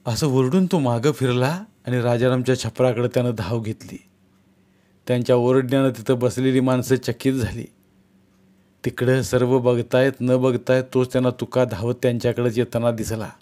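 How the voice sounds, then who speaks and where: Steady male storyteller reading aloud. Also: medium pitch, moderate pace. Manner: steady storytelling with acted dialogue.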